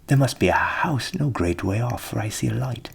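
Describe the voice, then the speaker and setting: A man voicing a proud, earnest storybook rooster, gently fussy, in a creaky half-whisper. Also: mid-range voice, expressive, moderate pace, voice pushed down, heavily acted. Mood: eager. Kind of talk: storybook character voice in ASMR reading.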